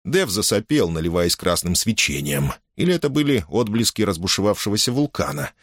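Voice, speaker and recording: Male narrator for a sci-fi audiobook, low voice, very animated, dry close recording. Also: brisk, dry recording. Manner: lively, theatrical reading with sharp rises for dialogue.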